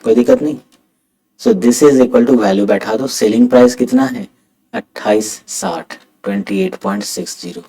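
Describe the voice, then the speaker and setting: Male math teacher, exam-prep lecture, deliberately quiet delivery, lively up-and-down pitch. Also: creaky, poor audio. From India. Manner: speaks softly on purpose, mixing Hindi and English. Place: room at home late at night.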